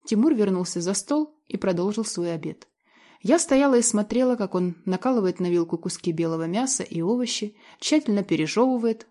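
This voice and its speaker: A woman's voice: medium pitch, dark tone. Woman narrating a tense drama. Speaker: audiobook narrator. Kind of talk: first-person scripted narration of a dramatic novel.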